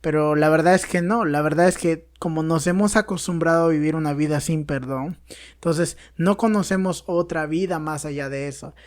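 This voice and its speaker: A man's voice: on the high side, normal speed. A man with a Peruvian Spanish accent hosting a podcast, asking reflective questions with hesitant restarts. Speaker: podcast host. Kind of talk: casual interview chat.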